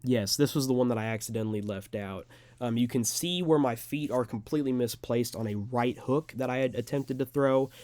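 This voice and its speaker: A man's voice: medium pitch, brisk, a little mellow, no echo. A young man, an amateur fighter, talking straight to camera in an unedited, rambling monologue full of filler words. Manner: rambling, earnest, filler-heavy.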